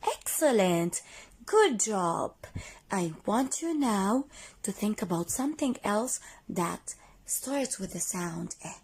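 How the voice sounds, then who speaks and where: A woman teaching young children in the manner of a kids show host, with sing-song questions and praise and clearly repeated sounds. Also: mid-range voice, big pitch swings, slow pace, darkish tone, slight background noise. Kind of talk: kids show host presenting an interactive lesson.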